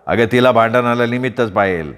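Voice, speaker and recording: A blunt, defiant young village husband, played by a man in his own natural register. He is proud and quick to scorn. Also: medium pitch, fairly bright tone, clean tone, big-room sound, natural voice. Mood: scornful.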